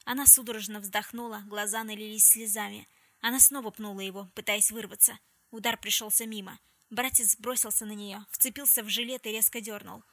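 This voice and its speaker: Bright-voiced woman reading a novel. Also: mid-range voice, steady tone, a little fast, dry recording. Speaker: audiobook reader. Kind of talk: scripted narration.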